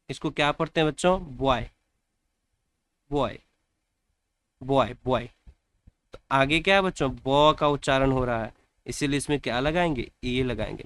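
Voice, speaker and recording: A male teacher leads a grammar lesson for children, repeating each word and quizzing the class. His voice sits a little high and comes across clear and smooth, and he speaks very slowly. The recording is dry and close. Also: fairly bright tone, no room sound. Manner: repeats words and asks the children questions. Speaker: English teacher.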